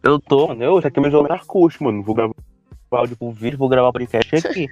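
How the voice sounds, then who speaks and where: A man's voice: mid-range voice, racing, darkish tone, no room sound, faint music behind. A young man with a Brazilian accent chatting casually in slang from inside a car. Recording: dull, lo-fi voice chat audio.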